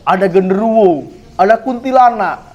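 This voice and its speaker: A man's voice: high-pitched, animated, normal speed, darkish tone, dull audio. A male preacher acting out a parent warning a small child, coaxing and threatening by turns.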